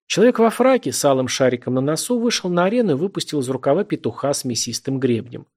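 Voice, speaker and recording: A man narrating a novel as an audiobook in an expressive, vivid reading. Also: medium pitch, fast talker.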